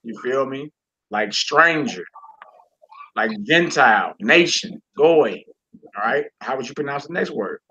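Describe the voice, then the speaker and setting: A man's voice: mid-range voice, lively intonation, unhurried, sharp tone, highs cut off, a little hiss or hum. A man teaching a Hebrew reading lesson, encouraging his student and repeating words and phrases.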